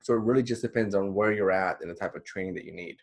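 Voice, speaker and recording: Man, thirties, from the Dominican Republic, lower register; counselor leading a friendly training slideshow. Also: fast talker, gravelly. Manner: conversational, encouraging, with many fillers. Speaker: counselor teaching a course. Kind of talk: recorded slideshow lecture. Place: small indoor room.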